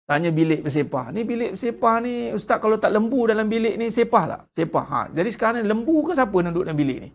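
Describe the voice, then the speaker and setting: A middle-aged man with a Malaysian Malay accent, preaching a sermon in a blunt, lively way and acting out the people he quotes. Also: sits high, fast, few pauses. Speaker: religious teacher.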